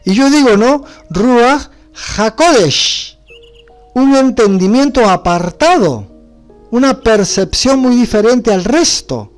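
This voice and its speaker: A man teaching a religious studies class, explaining words slowly with many rhetorical questions, from Bolivia. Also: very high voice, very animated, darkish tone, soft background music.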